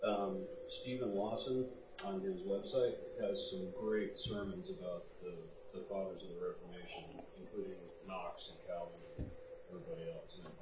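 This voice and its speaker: A man with a very low voice chimes in during a class, talking casually with many fillers. He is picked up from across the room, so he sounds distant and echoey, and background noise is clearly heard behind him. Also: little pitch movement, normal speed. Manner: rambling, full of fillers. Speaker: class member.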